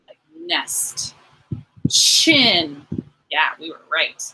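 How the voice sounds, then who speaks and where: A woman teacher giving a phonics lesson to young children, sounding out words slowly and encouragingly. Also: mid-range voice, expressive, pushed and bright, slight background noise, rough recording. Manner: slow, clearly segmented sounds, encouraging.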